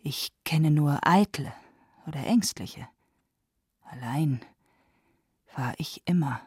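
Weary lonely dancer, very breathy, dark, slow and hushed, radio play. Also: female voice, sits low, dry recording, studio quality, full character voice. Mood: lonely, bitter.

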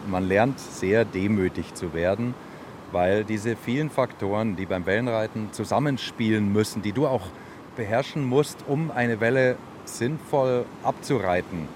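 A man talks calmly and agreeably in a casual conversation. His voice sits on the low side. Clear outdoor noise and rumbling traffic come through behind him. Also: normal speed. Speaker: surfer being interviewed.

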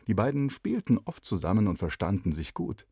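A man narrating a children's story in an expressive, animated way. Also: on the low side, fairly quick, gravelly, slightly rough, dry recording, clean studio sound.

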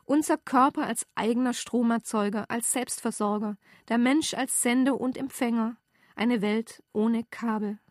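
A woman reading her first-person story aloud in a measured, deadpan way, recorded close to the mic. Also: on the high side, dry recording. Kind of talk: literary reading.

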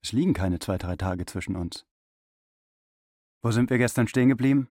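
An actor playing a company chairman in a literary radio play, speaking in a restrained, measured way. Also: lowish voice, a little mellow, no echo, studio quality, lightly acted. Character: driven male company chairman hiding breakdowns.

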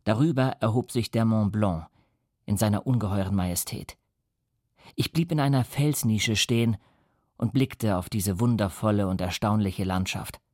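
A man reading a classic novel aloud as calm, measured first-person audiobook narration. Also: on the low side, no room sound, studio quality. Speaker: audiobook reader.

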